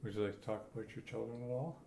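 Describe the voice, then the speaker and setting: A man's voice: fairly low pitch, steady tone, very fast, gravelly, dark tone. A man, a teacher, interviewing in a friendly, chatty way with tag questions. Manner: friendly, chatty, uses "eh" and "right". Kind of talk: oral history interview. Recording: echoey room, faint hiss.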